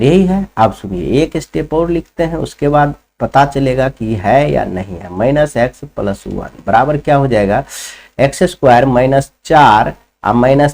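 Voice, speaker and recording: A man's voice: medium pitch, a little mellow. A man teaching a school math lesson, explaining each step and often putting questions to his students. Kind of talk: classroom lesson.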